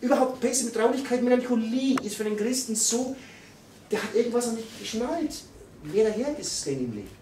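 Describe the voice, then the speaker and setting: A man preaching a live church sermon, emphatic and repetitive, with sudden loud bursts. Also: extremely high pitch, expressive, brisk, a little hiss or hum. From Austria. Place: church hall. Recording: echoey hall, mic from far off.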